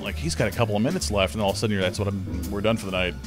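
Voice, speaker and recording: A man interviewing a comedian with brisk, friendly questions. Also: fairly low pitch, over music. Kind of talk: casual interview.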